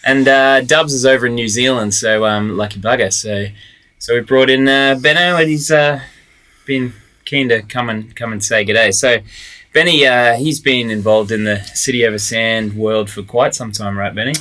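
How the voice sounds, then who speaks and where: A man's voice: medium pitch, moderate pace, sharp tone. A man with a broad Australian accent hosting a podcast in a laid-back, matey, casual way. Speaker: podcast host. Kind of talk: casual chat.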